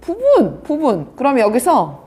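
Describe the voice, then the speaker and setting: A woman teaching an English vocabulary class, brisk and teasing, quizzing students by name. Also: sits high, huge pitch swings, a little mellow, a little hiss or hum. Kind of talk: live online vocabulary class.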